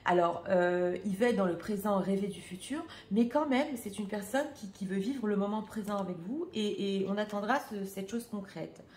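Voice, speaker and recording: A woman's voice: mid-range voice, moderate pace, few pauses, darkish tone, reverberant, slight background noise. A French-speaking woman reading tarot cards for her viewers in a casual, hesitant way, full of fillers and restarts. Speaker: tarot reader.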